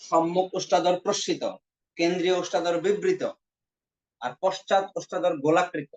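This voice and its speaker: A man with a Bangladeshi Bengali accent runs an exam-prep grammar lesson, his voice pitched slightly high. He repeats himself often and sounds out each vowel as a demonstration. The recording is muffled and lo-fi. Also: steady tone, moderate pace, a little mellow. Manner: repetitive, coaxing, demonstrates vowel sounds aloud. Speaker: teacher. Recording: dull lo-fi recording.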